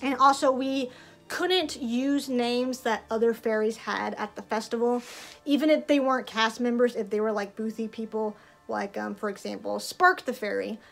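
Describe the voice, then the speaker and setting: A woman's voice: a little high, steady tone, moderate pace, gravelly, soft background music. A young woman talking casually in a vlog, chatty and full of fillers, her voice a bit tired. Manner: chatty, lots of "like", frequent laughs. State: voice tired from projecting. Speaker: festival cast member vlogger.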